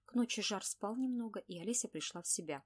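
A woman narrating an audiobook in an even, measured reading voice. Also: medium pitch.

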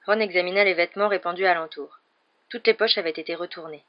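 A woman reading an audiobook in a steady, measured way, in a dull lo-fi recording. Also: lowish voice. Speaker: audiobook reader. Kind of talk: audiobook narration.

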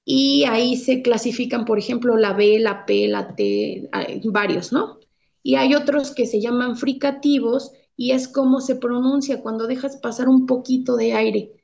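Woman, therapist guest, slow patient explaining, gravelly, fairly high voice. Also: a little mellow, lo-fi sound. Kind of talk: explanatory interview talk.

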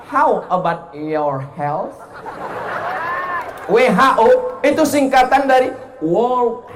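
A man preacher giving a humorous religious lecture, animated and joking, often slipping into chuckles. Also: very high-pitched, slight background noise. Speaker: Islamic preacher.

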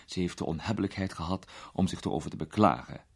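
A man voicing a sharp-tongued old duchess and grandmother, gossipy and doting, in a storybook reading. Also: low-pitched, fast talker, creaky, breathy edge, heavily acted. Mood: tart.

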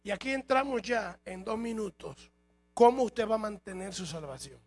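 A man preaching a sermon as a pastor, emphatic, his loudness rising and falling. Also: high-pitched, normal speed, faint music behind. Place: church hall.

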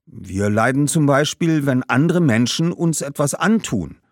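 An earnest young boy in a read-aloud storybook, as a man puts him on, asking questions with a thoughtful, serious air. His raised voice moves in lively swings and sounds close and dry. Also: medium pitch, measured pace, no room sound, voice pushed up.

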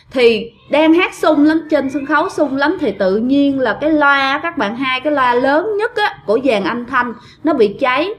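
A woman's voice: high voice, a bit bright. A woman with a Southern Vietnamese accent, casually retelling a ghost story and chatting directly to her listeners.

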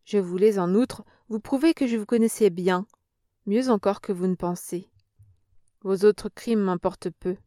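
A brave young woman, read by a woman narrator, speaks in a cold, curt and commanding tone. Her voice sits at a middle pitch, close and dry. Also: measured pace, warm tone, dry recording, lightly acted.

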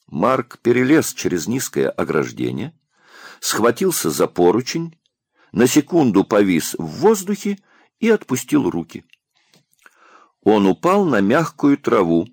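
A man narrating a science fiction audiobook in an expressive storytelling manner. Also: on the low side, creaky, slightly rough, no echo, clean studio sound. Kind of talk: scripted narration.

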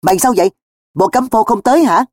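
A cheeky, defensive teenage boy in a storybook, voiced by a male reader. He talks high and loud, forever protesting his innocence. The sound is close, dry and mellow in tone. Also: lively intonation, moderate pace, no room sound.

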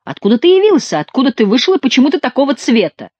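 A woman's voice: fairly low pitch, big pitch swings, fast talker, dry recording, muffled recording. A woman voicing an agitated, fussy king who asks anxious, exclaiming questions.

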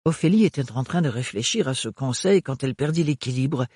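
A man reading a novel aloud as an audiobook narrator, with steady, measured narration on a close mic. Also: mid-range voice, husky, dry recording. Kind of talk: scripted narration.

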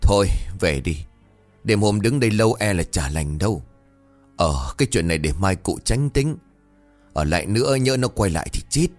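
An uneasy villager, voiced by a male storyteller, sounding a little distant as he urges the crowd home in an audio ghost story. He keeps his tone low and wary. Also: animated, moderate pace, soft background music, natural voice. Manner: hushed, urging.

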